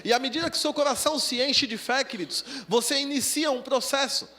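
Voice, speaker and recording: High-voiced Brazilian pastor preaching. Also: male voice, fairly quick. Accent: Brazilian Portuguese. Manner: animated storytelling, acts out laughing and dialogue. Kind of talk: sermon with testimony. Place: church service.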